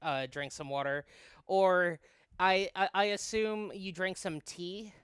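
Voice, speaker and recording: On a very noisy recording with background music, a man hosts a visual novel playthrough, chatting informally and reading lines aloud. His voice is high-pitched, slow and fairly even in intonation.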